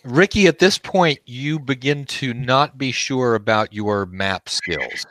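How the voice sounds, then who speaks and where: A man narrating a tabletop game as game master, haltingly, searching for his words as he improvises. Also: medium pitch, fairly bright tone, no room sound. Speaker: game master, host of the live play.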